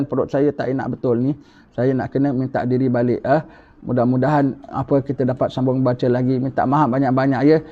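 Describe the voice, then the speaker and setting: A man giving an emphatic religious lecture with rhetorical questions, in a dull lo-fi recording. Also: medium pitch. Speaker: religious teacher.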